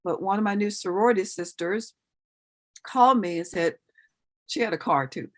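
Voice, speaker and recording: A woman's voice: medium pitch, moderate pace. A middle-aged woman giving an earnest personal testimony as an interview guest, acting out remembered dialogue as she tells it.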